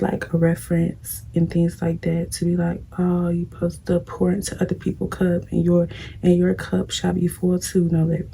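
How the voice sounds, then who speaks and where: A young woman vlogger with a scratchy voice does her makeup while bluntly chatting to viewers in a casual get-ready-with-me advice session. Her voice is lowish, creaky, husky, and dark in tone. She's direct and preachy, addressing the audience head-on.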